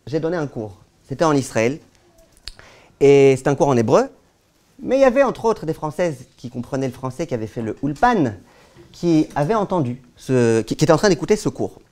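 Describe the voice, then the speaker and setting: A man giving a lively Torah lesson as a rabbi. He tells stories playfully, asks his listeners questions and mixes in Hebrew terms. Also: fairly high pitch. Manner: playful storytelling. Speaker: rabbi teaching a Torah class.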